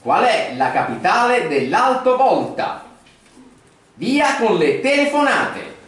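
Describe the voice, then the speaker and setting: A man playing a brisk, excitable professor hosting a radio quiz sketch in showy style. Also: high voice, very echoey, heavily acted. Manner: showy, emphatic quizmaster delivery.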